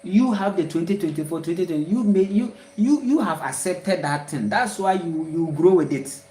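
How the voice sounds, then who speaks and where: A woman's voice: on the low side, expressive, moderate pace, dark tone, roomy sound, low-quality recording. A woman with a Ghanaian accent giving a rambling spiritual monologue, repeating herself and dropping in emphatic exclamations. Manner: repetitive, emphatic, full of exclamations. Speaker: spiritual speaker.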